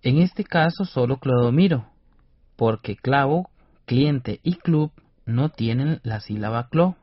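A man's voice: mid-range voice, lively intonation, slow pace, breathy edge, no room sound. A man co-presenting a scripted educational radio lesson, explaining carefully and over-articulating syllables. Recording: dull dry studio radio recording.

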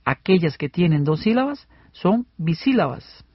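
A man co-hosting an educational radio lesson, explaining plainly and splitting words into syllables slowly. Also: high voice, sing-song, no room sound. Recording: dull lo-fi radio recording.

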